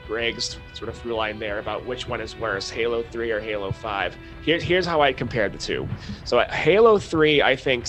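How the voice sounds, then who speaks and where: A man's voice: mid-range voice, a bit bright, poor audio. A man co-hosting a podcast in casual chat, blunt and wry, with many fillers, on a podcast mic. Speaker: podcast co-host.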